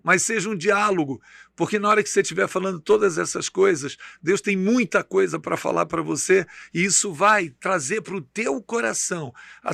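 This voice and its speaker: Bright, gravelly Brazilian bishop preaching. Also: male voice, high-pitched, no room sound, studio quality. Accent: Brazilian Portuguese. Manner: emphatic, preacherly, quoting scripture. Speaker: bishop and podcast host. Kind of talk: preaching in a podcast conversation.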